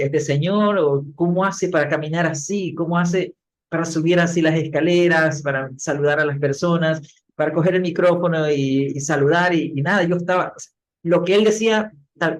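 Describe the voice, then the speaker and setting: A middle-aged man, a public speaking coach, telling his story as a podcast guest in an animated way, acting out what he said back then. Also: fairly high pitch. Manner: animated, acts out his own past words.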